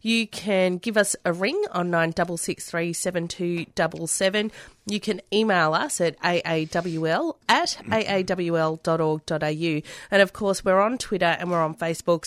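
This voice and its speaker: Brisk woman radio co-host. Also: lowish voice, dry recording. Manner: brisk, playful, reads contact details quickly. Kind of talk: community radio chat. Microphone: studio microphone.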